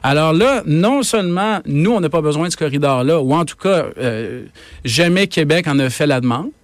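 A Québécois man with a voice a bit higher than most, speaking as an economics guest on the radio. He argues with emphasis and doubles up his words as he goes. The sound is dry and close. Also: animated, normal speed, dry recording. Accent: Québécois French. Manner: emphatic, argumentative, frequent repetitions. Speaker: economics columnist and professor, guest. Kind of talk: radio interview.

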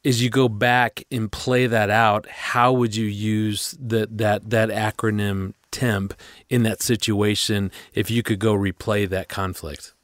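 Man co-host, low-ish voice, earnest, dry close mic. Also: flat delivery, a little slow, no room sound. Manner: earnest, enthusiastic interviewer. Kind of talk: casual podcast conversation.

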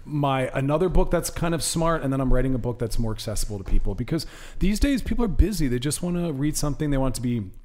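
A man's voice: medium pitch, expressive, fast, darkish tone. A man co-hosting a casual podcast as a sex therapist, talking with hesitant restarts and easy laughter. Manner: hesitant, stammers, laughs easily.

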